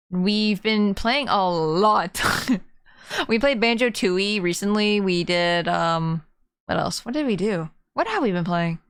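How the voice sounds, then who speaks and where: A woman's voice: medium pitch, clear, resonant tone, no room sound, clean studio sound. A woman live-streaming a game and chatting with viewers in a cute, bubbly streamer manner, with singsong greetings. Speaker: variety streamer and artist. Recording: game music behind the voice.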